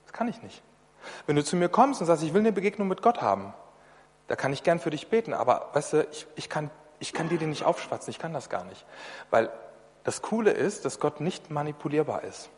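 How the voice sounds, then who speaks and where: A man's voice: fairly high pitch, fairly quick. German man preaching in a reverberant hall. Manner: lively, conversational, addresses listeners directly. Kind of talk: sermon.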